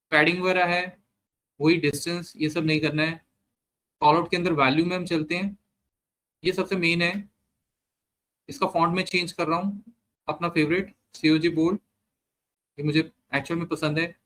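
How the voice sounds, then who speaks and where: Man teaching a software class, Hindi-English. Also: on the high side. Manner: explains step by step, mixing Hindi and English; conversational, often checks in with the learner. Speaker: software trainer. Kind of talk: screen-share tutorial.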